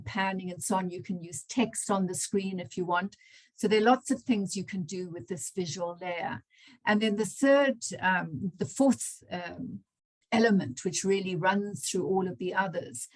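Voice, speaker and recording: A woman's voice: medium pitch, poor audio. A woman facilitating an online workshop, explaining steps with frequent ums. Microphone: video call.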